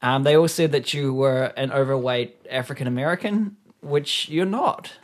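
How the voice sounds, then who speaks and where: A man's voice: medium pitch, normal speed. A man co-hosting a comedy podcast, teasing his guest bluntly. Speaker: podcast co-host. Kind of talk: casual comedic interview.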